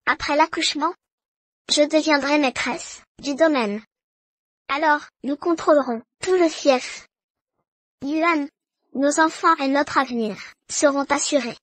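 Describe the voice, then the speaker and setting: An actress playing a scheming, unfaithful noble wife in a French drama dub, coaxing and pleading. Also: female voice, high voice, a little slow, long pauses, no echo.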